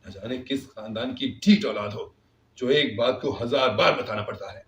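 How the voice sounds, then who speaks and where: A man's voice: mid-range voice, natural voice. A man voicing a harsh, scornful young husband who sneers and mocks his wife, in a storybook reading. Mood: angry. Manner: mocking, sneering. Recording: roomy, distant, dull recording.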